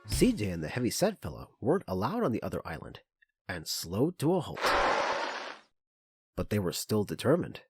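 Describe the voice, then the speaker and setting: A man's voice: fairly low pitch, huge pitch swings, moderate pace, long pauses, a little mellow. A man narrating a parody of a children's train story in storybook style, with music behind him.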